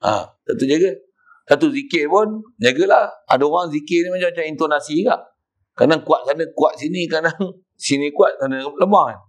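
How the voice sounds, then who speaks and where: A middle-aged Malaysian man teaches a religious text to a congregation in a prayer hall, his voice sitting a little high for a man. He talks in a storytelling way and at times breaks into loud chanted recitation to show how it should sound. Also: a little fast. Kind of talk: mosque kitab lesson.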